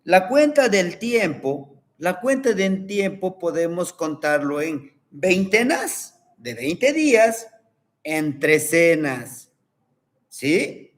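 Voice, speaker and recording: A man telling a traditional story in a folksy, unhurried way, addressing his listeners directly. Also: high-pitched, big pitch swings. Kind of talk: oral storytelling.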